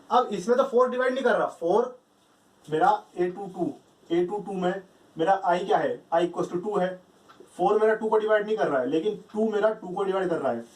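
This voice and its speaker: A man teaching math at a board, explaining step by step and repeating key phrases. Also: high voice. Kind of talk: whiteboard lecture. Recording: echoey room, voice from a distance.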